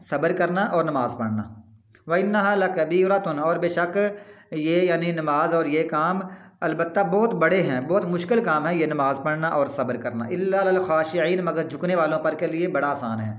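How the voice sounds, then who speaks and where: A man teaching a Quran commentary lesson, slowly reciting Arabic verses and then explaining them in plain, conversational speech. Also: on the high side, echoey room. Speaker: religious teacher.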